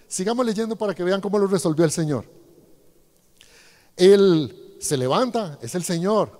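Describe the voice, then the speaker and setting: A man's voice: sits high, animated, normal speed, darkish tone. A man preaching a sermon, speaking directly to his congregation and asking them rhetorical questions. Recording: long hall reverb.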